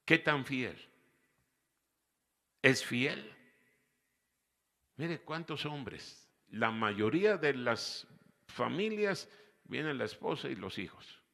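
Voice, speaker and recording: A man's voice: medium pitch, lively intonation, slow pace, gravelly, long pauses, sharp tone, in a large hall. A man preaching a sermon as pastor, with rhetorical questions and emphatic repetition. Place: church hall.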